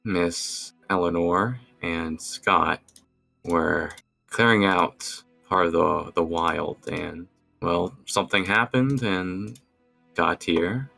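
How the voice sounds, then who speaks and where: Casting: low, gravelly man running a tabletop game, bright edge, unhurried. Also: faint music behind. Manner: relaxed, hesitant narration with fillers. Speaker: game master.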